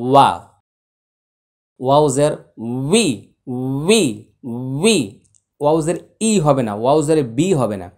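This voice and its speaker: A man teaching Quran recitation, spelling out letters slowly and chanting verses with long drawn-out vowels. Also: mid-range voice, a little mellow. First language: Bengali.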